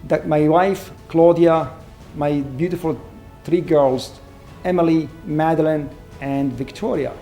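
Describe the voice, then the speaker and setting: Man, higher voice. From Syria. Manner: earnest, measured, grateful. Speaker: award-winning trauma surgeon. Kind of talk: reflective interview. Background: soft background music.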